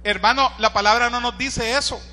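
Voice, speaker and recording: A Honduran-accented male pastor preaches with a very high, ringing voice. His delivery is animated, rising to shouts when he quotes a cry and dropping into asides to the congregation. A long hall reverb trails every phrase. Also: fairly quick. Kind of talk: sermon.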